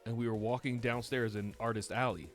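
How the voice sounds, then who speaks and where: Animated New York man telling stories. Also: medium pitch, fairly quick, soft background music. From United States. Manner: animated, swearing, laughs a lot while telling stories. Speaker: podcast host. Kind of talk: casual storytelling chat.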